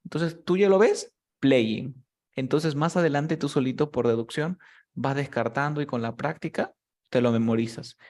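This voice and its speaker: Speaking in a mid-range voice, a young English teacher tutors a single student in grammar. He moves through the rules methodically and patiently, pausing frequently to make sure he's been understood.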